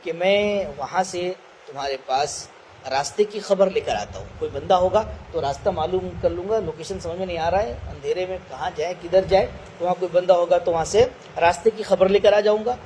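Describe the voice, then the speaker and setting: A high-pitched man from Bihar leads a Quran commentary lesson in a mosque teaching circle. He recites verses slowly before explaining them plainly and keeps asking his listeners questions. Faint background noise sits under his voice. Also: darkish tone, poor audio. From Bihar, India.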